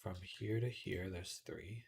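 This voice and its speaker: This livestream host, a 3D artist, has a deep, gravelly voice with a steady tone and measured pace, and a little hiss or hum runs under it. Working indoors at his computer desk, he mutters to himself, then addresses his viewers brightly in a relaxed tutorial chat.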